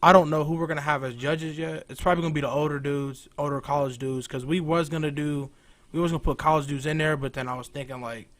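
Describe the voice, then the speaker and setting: Casual young man hosting, slightly high voice. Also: fairly even intonation, fast. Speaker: host. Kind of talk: casual live stream chat.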